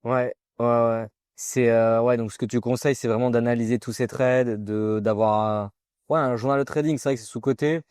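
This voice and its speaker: A man hosting a casual interview, talking in a relaxed, chatty way with many fillers and slangy asides. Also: medium pitch, normal speed, smooth, dry recording, clean studio sound. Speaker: host.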